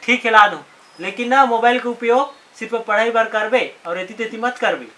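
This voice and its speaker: A man with a Chhattisgarhi accent playing a farmer father in a village drama, loud and scolding. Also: very high voice, moderate pace. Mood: stern caring. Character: angry farmer father of a teenage daughter. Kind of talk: amateur village short drama.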